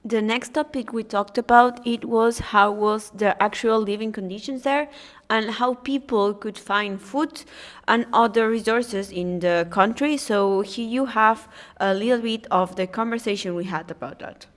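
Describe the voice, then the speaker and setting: A woman interviewer narrating between clips of a conversation, in a measured explanatory way. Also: fairly high pitch.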